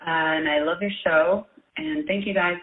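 A woman caller's phone voicemail plays on air, thin and tinny with an echoey ring. Her voice sits a little low, and she goes at her message haltingly, pausing with uh and um. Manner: hesitant, with uh and um. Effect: voicemail played over a phone line. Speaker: radio show caller leaving a voicemail.

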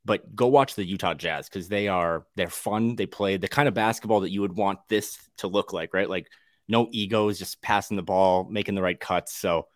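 A man co-hosting a sports podcast in casual chat, talking quickly and wryly, with many restarts. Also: sits low, dry recording, clean studio sound.

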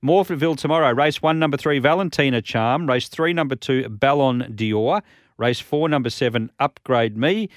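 A man's voice: mid-range voice, moderate pace, no room sound, studio quality. A man with an Australian accent hosting a horse racing show, giving tips in a confident, assured tipster manner.

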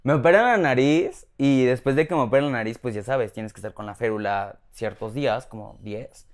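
A man with a Mexican accent, a podcast guest, chatting casually and telling stories with animated exaggeration. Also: mid-range voice, brisk. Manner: animated storyteller, exaggerating for effect. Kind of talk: casual interview chat.

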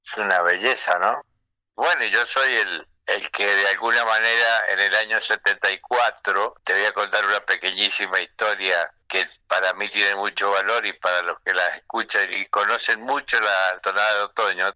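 An Argentine man from Mendoza, a singer guest on a radio interview, telling anecdotes warmly and acting out the voices of people he quotes. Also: on the low side, fairly even intonation, moderate pace, dry recording, poor audio.

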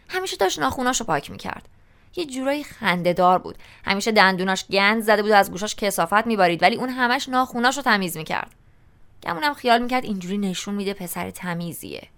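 A woman's voice: medium pitch, animated, a bit bright. A woman narrating a novel in the first person, in a colloquial, conversational storytelling style. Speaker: audiobook narrator.

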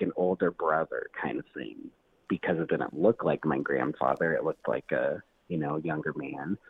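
A man with a low, breathy voice calls in over the phone as a podcast guest. He tells a personal story in a casual, easygoing way, and the narrowband phone line sounds tinny.

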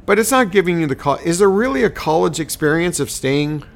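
A man's voice: on the high side, animated, brisk, vocal fry. A man co-hosting a casual sports podcast, rambling and playful as he interrupts himself. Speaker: podcast co-host.

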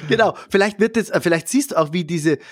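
A man's voice: high voice, fast talker, dry recording, clean studio sound. A man co-hosting a casual podcast, painting playful vivid pictures as he talks. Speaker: podcast co-host.

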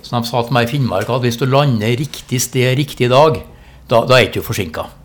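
A middle-aged man with a Trøndelag Norwegian accent, telling stories casually as an interview guest. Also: mid-range voice. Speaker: interview guest, business executive. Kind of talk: casual conversational storytelling.

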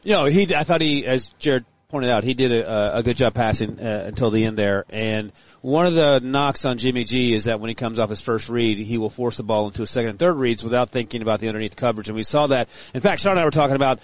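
Quick-talking man breaking down plays. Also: mid-range voice, dry recording. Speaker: sports analyst. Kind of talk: casual sports chat.

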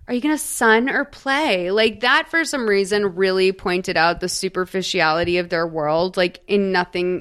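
A woman's voice: medium pitch, fairly bright tone, clear, resonant tone. Woman in her thirties, podcast host, casual chatter, swears, constant fillers. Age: 30s. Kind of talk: casual chat.

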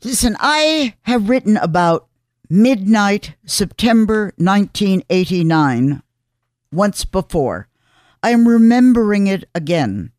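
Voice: medium pitch, big pitch swings, takes it slowly, darkish tone, no room sound. A radio host asking blunt, chatty questions. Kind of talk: radio interview.

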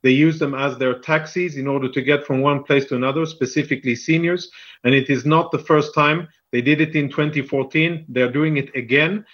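A man speaking as a military spokesman in a live news interview, firm, deliberate and defensive, over a band-limited remote link. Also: fairly high pitch, fairly even intonation, fairly bright tone, lo-fi sound.

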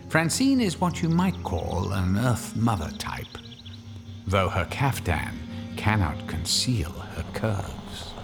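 A man with a mid-range voice narrates a horror radio drama as a suave storyteller. His delivery is theatrical and measured, with weighty pauses.

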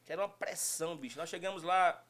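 A middle-aged man telling stories in casual chat, animated and laughing often. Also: fairly high pitch, quick pace. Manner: animated storytelling with frequent laughter. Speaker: guest storyteller.

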